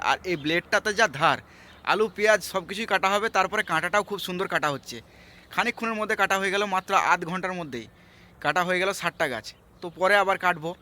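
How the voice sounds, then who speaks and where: A man vlogging outdoors on a farm, chatting step by step to viewers while he works. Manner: lowers voice to talk quietly. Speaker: vlogger, migrant farm worker. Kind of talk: casual explanatory vlog.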